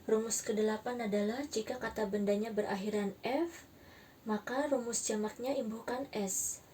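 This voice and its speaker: A woman teaching an English grammar lesson, slowly spelling out letters and repeating each example word. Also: a little high, fairly even intonation, warm tone, far from the mic, a little hiss or hum. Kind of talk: slow, careful grammar lesson.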